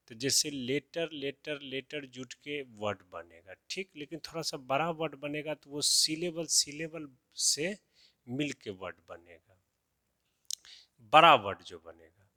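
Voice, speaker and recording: A man's voice: medium pitch, sharp tone, no echo, studio quality. A man teaching a lesson to children, repeating key terms and asking and answering his own questions.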